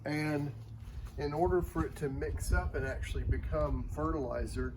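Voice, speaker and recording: A man's voice: on the high side, normal speed. A man with an American accent hosting a children's how-to show, explaining in a casual, plain-spoken, folksy way while outdoors. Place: outdoors, backyard. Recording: noisy outdoor ambience.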